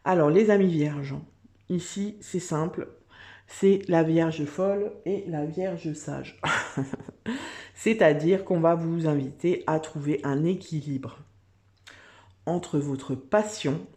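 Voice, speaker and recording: Female tarot reader for a video channel, relaxed dark tone, chatty and hesitant. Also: deep voice, slow pace. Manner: chatty, hesitant with many fillers. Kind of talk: casual tarot reading monologue.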